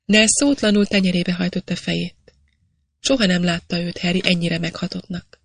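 An audiobook narrator reading a classic novel aloud in a measured storytelling manner. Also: mid-range voice, fairly even intonation, creaky, breathy edge, no echo.

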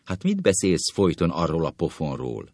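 A man's voice: deep voice, huge pitch swings, darkish tone, husky, dry recording, clean studio sound, full character voice. A man doing a blustering, cowardly writer. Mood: indignant. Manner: indignant ranting that collapses into nervous tittering. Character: vain, cowardly male writer boasting of spiritual superiority. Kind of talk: comic play reading.

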